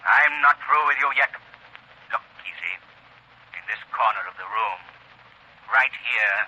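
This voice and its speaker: An actor playing a menacing, commanding invisible crime-fighter with deliberate, theatrical 1930s radio delivery. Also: male voice, lowish voice, animated, sharp tone, husky, lo-fi sound, exaggerated voice. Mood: relentless, insistent. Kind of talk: 1930s radio thriller acting. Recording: noisy vintage 1930s radio broadcast recording.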